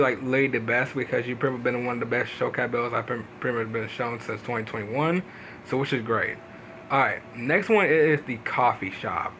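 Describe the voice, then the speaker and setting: A man's voice: fairly bright tone, slight background noise, low-quality recording. A man giving casual gameplay commentary for his video channel, rambling with lots of fillers and restarts. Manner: rambling, leans on "pretty much" fillers and restarts; sudden upward pitch jumps for emphasis. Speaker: gaming video host.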